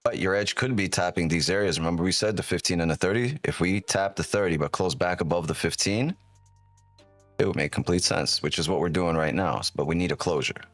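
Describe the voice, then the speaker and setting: A man with a deep whiskey voice giving casual live-stream commentary, thinking aloud and often checking in with "right?", on a close microphone. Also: brisk, a bit bright, no echo, faint music behind. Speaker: live trading streamer, host.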